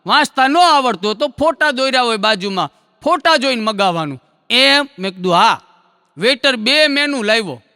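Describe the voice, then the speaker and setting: Male comedian, very high bright voice, folksy stage storyteller, hall reverb. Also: animated, clear, resonant tone, studio quality. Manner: folksy storytelling, acting out characters in quick dialogue. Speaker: stand-up comedian. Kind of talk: Gujarati joke telling, stage storytelling.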